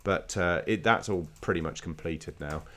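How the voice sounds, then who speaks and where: A man with a very low-pitched voice that sounds nasal and congested with a slight cold. He talks casually, as the host of a podcast. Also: normal speed, fairly bright tone. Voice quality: nasal, stuffed-up voice.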